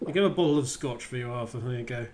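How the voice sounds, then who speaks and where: A man with a medium-pitched voice commentates casually on a video game. He thinks aloud in a chatty way, with clear game ambience behind him. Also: rapid-fire, darkish tone, a little hiss or hum. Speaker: gamer commentating. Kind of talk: casual let's play commentary.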